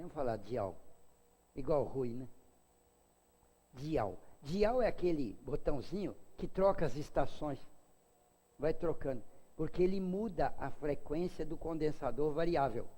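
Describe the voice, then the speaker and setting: This is an older Brazilian man giving a spiritist lecture in an easy, chatty way, breaking off for asides and jokes with the listeners. His voice sits a little high for a man but sounds dark and mellow. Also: big-room sound. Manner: chatty, humorous, asides to the audience; acts out quoted voices in a high pitch.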